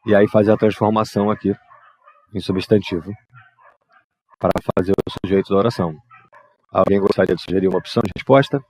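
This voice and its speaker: A man, teaching English grammar and patiently explaining exercises, reading the English examples slowly. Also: low voice, fairly even intonation, darkish tone, no echo. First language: Portuguese.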